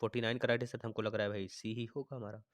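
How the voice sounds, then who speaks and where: A man teaching a Hindi grammar exam-prep lesson with a north Indian accent, reading sentences aloud and slowly repeating them as he thinks them through. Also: lowish voice, little pitch movement, dry recording, clean studio sound. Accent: Hindi-speaking north Indian.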